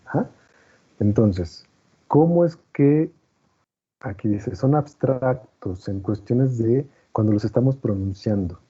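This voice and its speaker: Patiently explaining a lesson, this male teacher keeps making sure his students understand, tossing in "¿no?" and "¿vale?" often. He speaks slowly and expressively in a mid-range voice with a dark, slightly rough tone, heard through a muffled lo-fi recording.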